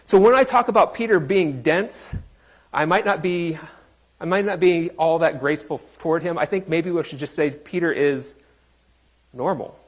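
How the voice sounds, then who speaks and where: Man preaching a chatty sermon, slightly high voice. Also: moderate pace. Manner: conversational, joking, quizzes the congregation. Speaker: pastor.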